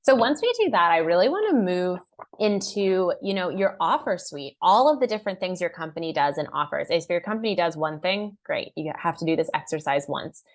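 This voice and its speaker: A young woman leads an online marketing class in a chatty, upbeat way. Her voice sits a little low for a woman, and she jumps up in pitch for quick acted-out asides. She uses a lot of "like" as she talks. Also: animated. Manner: upbeat and conversational, heavy use of "like"; acts out clients' and buyers' lines in a raised voice. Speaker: marketing workshop presenter.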